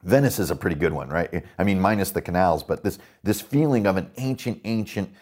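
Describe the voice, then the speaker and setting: A man's voice: low voice, a little fast, darkish tone. A man hosting a tabletop roleplaying podcast, talking casually and enthusiastically about worldbuilding with lots of fillers. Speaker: podcast host and dungeon master.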